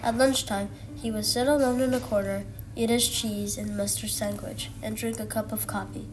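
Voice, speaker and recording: A woman's voice: mid-range voice, fairly even intonation, normal speed, darkish tone, a little hiss or hum, low-quality recording. A woman reading a children's storybook aloud, now and then stumbling over and repeating words. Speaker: student reader. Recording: music playing behind the voice. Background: music.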